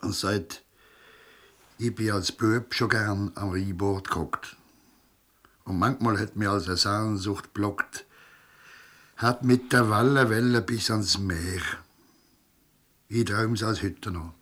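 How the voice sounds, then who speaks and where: A low-voiced man with a Basel Swiss German accent recites and half-sings a dialect ballad. His voice is husky, and he tells the story with spoken character voices between the verses. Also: slow pace, pauses often, a bit bright. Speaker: songwriter and performer.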